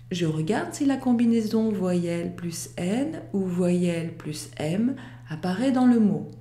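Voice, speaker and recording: Slow, deliberate woman teacher, echoey room. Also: mid-range voice, dark tone. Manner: careful, step-by-step, deliberate enunciation. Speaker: French teacher. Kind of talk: slow, methodical pronunciation lesson.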